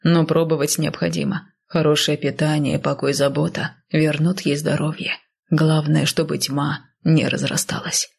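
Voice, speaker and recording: A woman voicing a male healer who speaks dryly and without emotion, in a low mumble. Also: moderate pace, gravelly, husky, heavily acted. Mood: dry clinical. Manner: dry, flat and unemotional, mumbling. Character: dry, matter-of-fact male healer.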